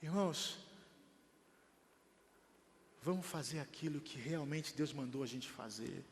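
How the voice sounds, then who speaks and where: High-voiced Brazilian pastor preaching. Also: male voice, a little slow, in a large hall, a little hiss or hum. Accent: Brazilian Portuguese. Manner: rising to emphatic, animated preaching. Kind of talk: sermon. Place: church hall.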